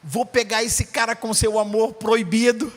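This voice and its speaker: Brazilian male pastor, high voice, lively storyteller, long church hall reverb. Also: measured pace, soft background music. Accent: Brazilian Portuguese. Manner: animated, acts out dialogue. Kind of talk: storytelling sermon.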